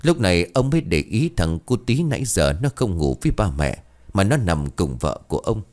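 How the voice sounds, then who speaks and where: A man narrating a ghost story in a lively, dramatic way. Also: low voice, moderate pace.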